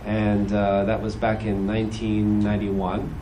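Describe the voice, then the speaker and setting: This Sunday sermon with personal testimony comes from a British man in his forties who was raised in several countries and sounds partly Americanized after years there. He speaks at a fairly low pitch into a stand microphone on a church hall stage, with a little hiss or hum. Good-humored and conversational, he leans on "you know" and tosses in quick character voices.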